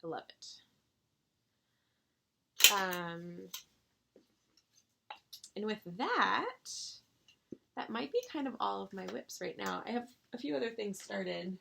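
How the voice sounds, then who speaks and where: A woman chatting casually to her viewers about her stitching, gushing with excitable bursts and rambling restarts. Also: mid-range voice, slow pace, creaky, pauses often, noisy background. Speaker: cross-stitch vlogger.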